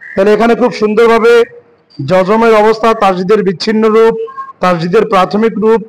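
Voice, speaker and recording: A man teaching Quran reading, spelling out letters and vowel marks slowly and asking the learner rhetorical questions. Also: sits high, fairly even intonation, low-quality recording. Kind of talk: step-by-step reading lesson.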